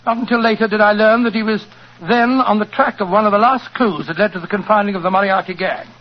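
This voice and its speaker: Radio play, vintage sound: male actor as genial older English doctor, high-pitched, courteous, avuncular, a natural storyteller. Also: fairly even intonation, quick pace, close to an everyday voice. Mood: genial, reminiscing. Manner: avuncular, old-fashioned, courteous. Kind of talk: 1940s radio drama acting, storytelling. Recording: dull, noisy 1940s radio recording.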